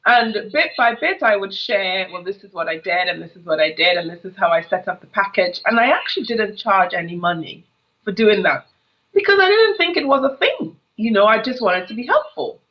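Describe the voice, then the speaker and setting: Animated and brisk, a Trinidadian business coach in her thirties speaks at medium pitch, sharing stories with lots of laughter in a casual interview. The sound is muffled, coming through an earphone headset on a video call from her home office, which has a brick wall.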